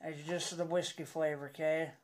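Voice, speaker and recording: A young man giving a casual, rambling review in a halting, unimpressed way, talking with a lip packed full of dip. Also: fairly high pitch, little pitch movement. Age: young adult. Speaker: product reviewer. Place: indoors in a home room.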